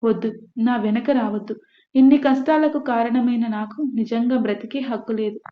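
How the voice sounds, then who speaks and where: Sad young pregnant girl, woman reading, resigned tone, higher voice, echoey. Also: fairly even intonation, moderate pace, lightly acted. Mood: sorrowful. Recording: echoey room, dull lo-fi.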